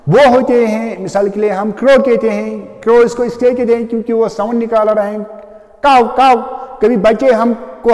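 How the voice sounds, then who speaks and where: A man's voice: high voice, a little mellow, big-room sound. A male teacher giving a classroom grammar lecture, explaining step by step and often checking what the students already know.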